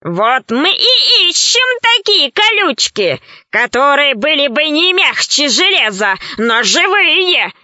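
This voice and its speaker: A woman voicing a brutish, boastful male pirate chief who threatens and brags in drawn-out phrases, in a storybook reading. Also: high voice, big pitch swings, sharp tone, no room sound, heavily acted. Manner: gruff, bragging, drawn-out threats. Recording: slightly dull, dry recording.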